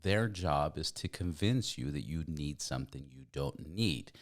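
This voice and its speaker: A man's voice: extremely low pitch, animated, unhurried. A man hosting a podcast, chatting animatedly and swearing casually as he makes his points. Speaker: podcast host. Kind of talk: casual conversational interview.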